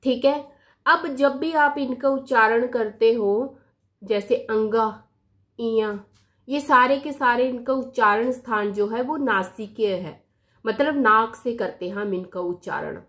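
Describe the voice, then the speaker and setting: A woman's voice: on the high side, unhurried, fairly bright tone. A woman teacher explaining a grammar lesson patiently, repeating key terms and mixing English words into her speech.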